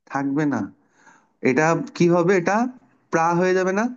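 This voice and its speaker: A man's voice: fairly high pitch, moderate pace, muffled recording. A man teaching an online children's class, patiently explaining pronunciation step by step and asking the pupils questions. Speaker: Bangla teacher.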